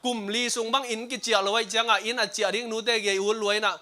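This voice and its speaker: A man preaching a sermon at a church service streamed online, talking in an animated way and laughing now and then. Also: high-pitched, fast.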